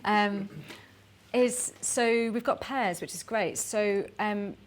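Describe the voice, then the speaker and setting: A woman's voice: medium pitch, slow, slight background noise. A woman leading a workshop, giving chatty, encouraging instructions for a group exercise and laughing between them. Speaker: workshop facilitator.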